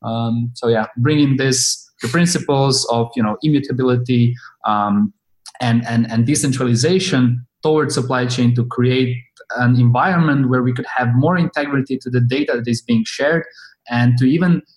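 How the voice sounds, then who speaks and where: A man being interviewed as a company founder, speaking softly and haltingly as he searches for words. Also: medium pitch, poor audio. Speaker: company founder, podcast guest. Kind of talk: interview answers.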